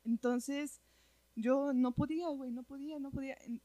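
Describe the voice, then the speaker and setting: A woman with a Mexican accent telling a personal story in casual chat, animated and slangy, peppering her talk with "güey". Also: high voice, moderate pace, no echo.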